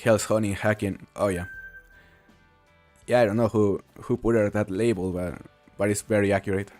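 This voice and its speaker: Faint music plays behind this man's voice, which is on the low side and at a normal speed. He's a Mexican streamer giving relaxed, casual commentary on his game, chatting with viewers and reading their messages as he plays.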